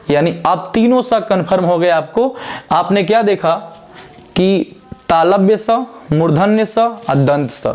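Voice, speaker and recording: High-voiced Hindi teacher drilling sounds. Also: male voice, a little mellow. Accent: Purvanchal Hindi. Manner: emphatic, drills sounds by repeating them slowly. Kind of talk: whiteboard grammar lesson.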